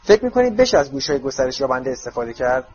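A man's voice: mid-range voice, big pitch swings, darkish tone, close to an everyday voice. A man doing a cheeky teenage boy. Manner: quick, teasing. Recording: dull lo-fi audio.

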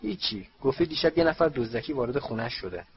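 Guy doing a squeaky urgent wizard mom for an audiobook, kinda dull recording w faint hiss. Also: animated, close to an everyday voice. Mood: kindly. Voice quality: high-pitched and urgent. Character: excitable middle-aged female wizard mother.

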